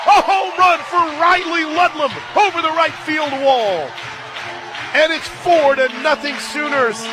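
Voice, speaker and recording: Calling a game live from the radio booth at a ballpark, this American man mixes energetic play-by-play with casual banter. Between pitches he sounds conversational, but big plays push him into shouts. The background is noisy.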